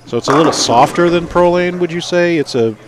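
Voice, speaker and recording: A man's voice: on the high side, a little fast. A man doing live play-by-play commentary at a bowling center, chatting between shots. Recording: live broadcast with crowd behind. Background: crowd and bowling noise.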